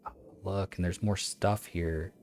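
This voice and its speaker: A man streaming a game, chatting and reading old-style text aloud in a halting, stumbling way, laughing at himself. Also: low-pitched, fairly even intonation, darkish tone, slight background noise. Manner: self-mocking, laughs often. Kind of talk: let's-play commentary with reading aloud.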